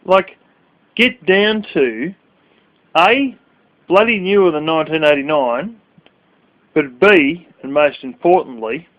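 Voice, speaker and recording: A blunt, foul-mouthed man rambles through a casual vlog rant late at night, sleepy and yawning. His voice sits a bit high for a man. The sound is thin and tinny, like a phone line. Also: expressive, slow, pauses often. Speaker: vlogger.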